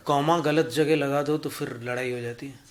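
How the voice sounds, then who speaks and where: A man giving a Jain religious discourse, teaching in a measured way and explaining points through anecdotes and examples. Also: medium pitch, steady tone. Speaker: Jain preacher.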